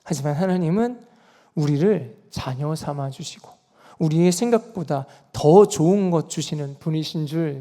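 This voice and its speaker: A man's voice: on the high side, mellow. A male pastor giving an earnest dawn prayer sermon, voice rising for emphasis. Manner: earnest preaching with emphatic rises. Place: church sanctuary. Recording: reverberant church sanctuary.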